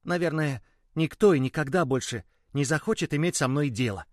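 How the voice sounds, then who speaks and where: A man voicing a small burst rubber ball that pleads in a high, tearful way. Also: fairly quick, no echo, studio quality, close to an everyday voice. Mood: pleading.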